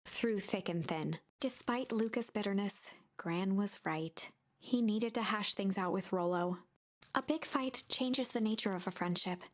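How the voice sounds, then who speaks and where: A woman giving calm, scripted storybook narration for a game. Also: medium pitch, measured pace, close to an everyday voice.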